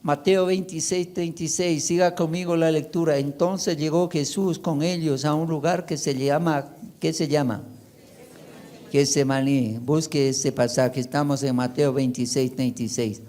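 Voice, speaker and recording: A man's voice: on the high side, fairly even intonation, moderate pace, warm tone. A male pastor with an Ecuadorian Spanish accent, preaching a sermon to his congregation and drawing call-and-response answers from them. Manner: preaching with rising intensity, calls and responses with the congregation. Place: church sanctuary.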